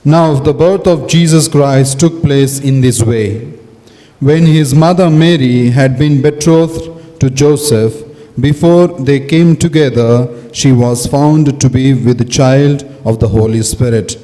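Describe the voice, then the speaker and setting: A male priest speaks slowly and solemnly at a liturgy. His tone is soft-edged and mellow. Long cathedral-like echo trails his words. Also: mid-range voice. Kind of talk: liturgical gospel reading and homily.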